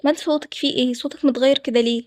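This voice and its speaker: A woman with an Egyptian accent voicing an old, rich, hot-tempered groom who talks loud and demanding. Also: high-pitched, fairly even intonation, rapid-fire, no room sound, studio quality, natural voice. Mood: suspicious. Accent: Egyptian Arabic. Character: old rich groom, man, quick to anger.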